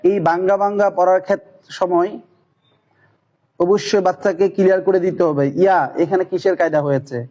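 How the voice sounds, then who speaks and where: High-voiced madrasa teacher. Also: male voice, lo-fi sound. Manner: methodical, steady explaining voice; chants Arabic syllables slowly and loudly when demonstrating. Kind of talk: instructional talk on Quran reading.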